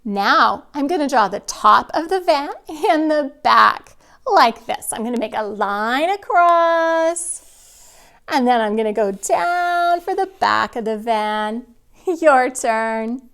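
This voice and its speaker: A woman with a high voice speaks as a kids show host for kindergarteners. She gives step-by-step instructions very slowly, with simple encouraging prompts for the children. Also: lively intonation, a bit bright, smooth. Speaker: children's drawing and spelling teacher.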